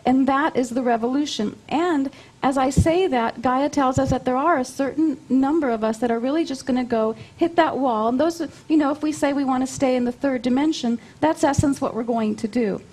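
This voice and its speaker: A woman's voice: high voice, fairly quick, hardly any pauses, a little mellow, husky, rough recording. A woman being interviewed, explaining things conversationally and often repeating her phrases as she goes. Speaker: interview guest, spiritual channeler.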